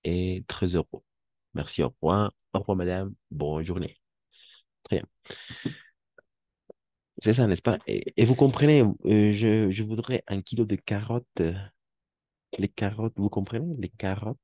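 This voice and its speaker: Male French teacher, very deep, unhurried, patient corrections, dry close sound. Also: warm tone, dry recording, muffled recording. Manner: patient, repeats and corrects pronunciation, mixes in Spanish explanations. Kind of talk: language class instruction.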